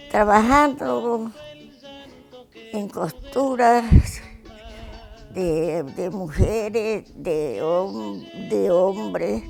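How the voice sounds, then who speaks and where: A woman over a hundred and ten years old, reminiscing in a halting way, often repeating words. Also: mid-range voice, creaky, a little mellow. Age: 110s. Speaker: interviewee. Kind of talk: reminiscing interview.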